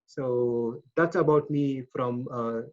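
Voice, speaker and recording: A man's voice: medium pitch, slow, a little mellow. A man speaking over a conference call, his voice dull and lo-fi through a computer mic. He talks candidly, hedging and admitting what he doesn't know. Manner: candid, hedging, repeats "to be honest". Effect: conference call audio. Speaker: seminar attendee. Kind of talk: casual self-introduction. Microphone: computer mic on an online call.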